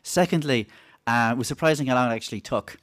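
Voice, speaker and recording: A man's voice: mid-range voice, fast talker, a bit bright. A middle-aged man with a thick Wexford Irish accent, giving an informal, wry conference talk into a table microphone. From Wexford, Ireland. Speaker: campaign speaker on a panel. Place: conference room, seated at a table. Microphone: gooseneck table microphone.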